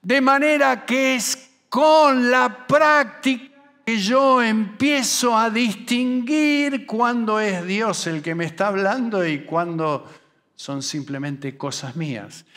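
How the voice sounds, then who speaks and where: Rioplatense male preacher, slightly high voice, unhurried, dramatizes quotes in low asides. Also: a bit bright. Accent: Rioplatense Spanish. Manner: slows and rises for emphasis. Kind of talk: sermon at a youth camp.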